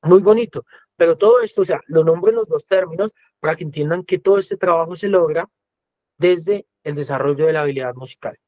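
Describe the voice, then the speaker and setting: Colombian man, music teacher giving a talk, fairly high voice, dry dull lo-fi sound. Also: a little fast, a little mellow, no echo. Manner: conversational lecturing, often acting out quoted voices. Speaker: music teacher, guest speaker. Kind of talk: educational talk.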